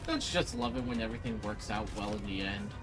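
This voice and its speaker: A man's voice: on the low side, fast, music in the background. A man giving casual, opinionated commentary while gaming, speaking emphatically and swearing freely. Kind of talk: casual chat over gameplay.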